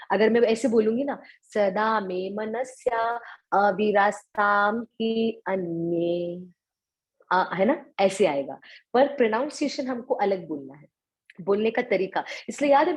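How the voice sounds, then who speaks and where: A woman's voice: medium pitch, darkish tone, slightly rough. A woman teaching Sanskrit verses in an online class, patiently breaking words apart, repeating lines and mixing English words into Hindi. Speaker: scripture teacher.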